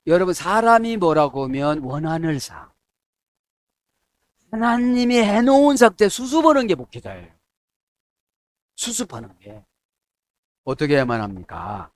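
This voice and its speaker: A middle-aged man preaching a sermon as a pastor, checking in with his listeners and acting out quoted prayers in a softer, lower voice. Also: dry recording. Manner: asks the congregation "에?" to check agreement.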